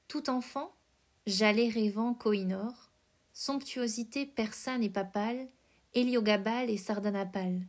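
Slow, measured woman reading poetry. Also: fairly high pitch. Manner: slow, measured recitation with careful phrasing. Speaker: podcast host.

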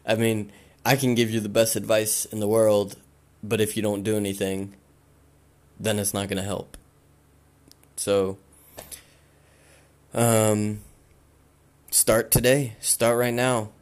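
A man talks slowly in a fairly low voice, giving blunt advice on his podcast. He swears freely and often repeats his words. His voice is getting hoarse as he goes. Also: little pitch movement, a little mellow. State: losing his voice, clearing his throat. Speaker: podcast host. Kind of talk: casual advice monologue.

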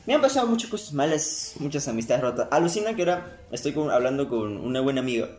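Fast, lively young man. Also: medium pitch. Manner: rambling, restarts sentences often. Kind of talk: casual chat. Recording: roomy sound with faint music.

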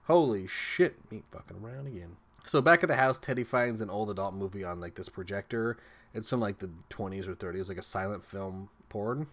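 Profane joking man recapping a film. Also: on the low side. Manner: profane, joking, sarcastic asides. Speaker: movie review host. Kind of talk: comedic movie recap.

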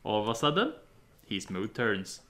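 A man's voice: lowish voice, very animated, moderate pace, fairly bright tone. A man in casual podcast chat, easygoing and agreeable, swearing casually as he tells a story. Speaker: podcast co-host.

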